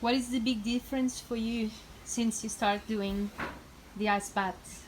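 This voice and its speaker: A woman's voice: fairly high pitch, steady tone, measured pace, slight background noise, low-quality recording. A woman chatting casually as an interviewer. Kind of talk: casual chat.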